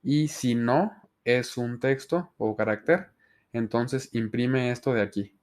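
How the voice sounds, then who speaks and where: A man's voice: medium pitch, slow, darkish tone. A man explaining programming step by step in a tutorial, with fillers. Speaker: programming instructor. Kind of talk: screen-recorded coding tutorial.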